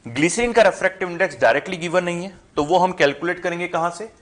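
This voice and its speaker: A young man teaches a physics lesson at a board, posing questions to the class and answering them himself. His voice is high-pitched and fast.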